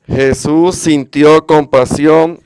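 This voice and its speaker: Male scripture reader at Mass, unhurried and smooth, dry sound. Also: a little high, steady tone, a little mellow, dry recording. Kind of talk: reading the Gospel aloud at Mass.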